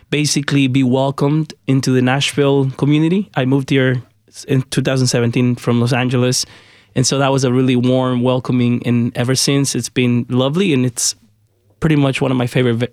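A man from Honduras, guesting on a radio interview, talks in a friendly, chatty way with plenty of uhs. His pitch stays mid-range and fairly even, and the sound is close and dry. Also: dry recording. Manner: friendly, talkative, with fillers. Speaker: guest musician.

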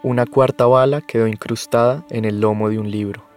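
A man reading scripted documentary narration in a measured, sober way. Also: mid-range voice, soft background music. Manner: measured, sober, even delivery.

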